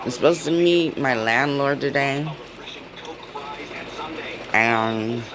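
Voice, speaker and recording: A vlogger with a mid-range voice chats slowly and casually in a video diary, rambling with lots of fillers and frequent laughter. It is filmed on a phone in an indoor room with a window view, and the room ambience is noisy, with crowd noise.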